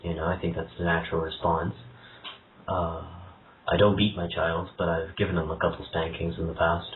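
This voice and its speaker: Over a tinny line with faint hiss and an echoey room, a young prank caller pretends to be a troubled single father. He speaks fairly quickly in a low voice with little pitch movement, stammering and hesitating with mock earnestness.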